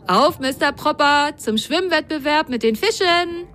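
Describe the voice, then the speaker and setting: Lady playing a bouncy excited sock boy, high and cheery, faint music behind. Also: measured pace. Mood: eager. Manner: eager, cheering. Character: eager, excitable young male sock.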